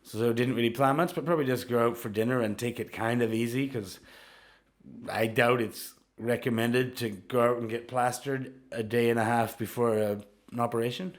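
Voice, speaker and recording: A man's voice: medium pitch, normal speed. A young man co-hosting a podcast, chatting casually and joking with an easy laugh. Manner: relaxed and joking, often laughing. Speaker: podcast co-host. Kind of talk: casual chat.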